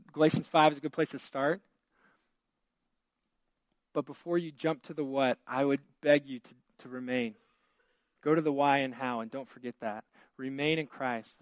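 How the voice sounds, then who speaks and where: A man's voice: mid-range voice, no room sound. Man preaching a casual sermon. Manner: casual, with frequent fillers and restarts, rising into fervent emphasis. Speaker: pastor. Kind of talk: conversational sermon. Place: church.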